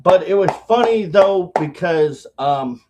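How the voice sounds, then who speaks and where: A man vlogging casually to his viewers in a halting, rambling way, talking with chewing tobacco packed in his lip. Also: sits high, animated, noisy background. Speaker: video blogger.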